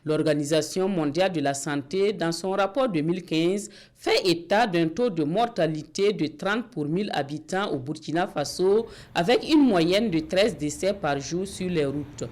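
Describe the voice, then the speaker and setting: Female reporter with an even news read. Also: on the low side, moderate pace, few pauses. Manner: even, formal narration. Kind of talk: scripted news report voice-over.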